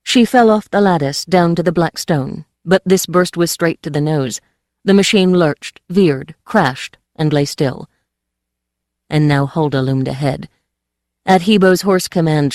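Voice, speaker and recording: Steady, dry audiobook narrator. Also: mid-range voice, dry recording. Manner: steady, measured storytelling.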